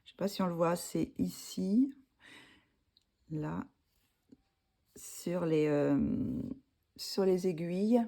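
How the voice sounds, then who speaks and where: A woman chats at home about her finished coloring pages. Her voice sits low and sounds warm and mellow. She keeps pausing on fillers and correcting herself as she goes. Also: vocal fry. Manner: hesitant, many fillers and self-corrections. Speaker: coloring hobby vlogger. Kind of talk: casual show-and-tell of finished coloring pages.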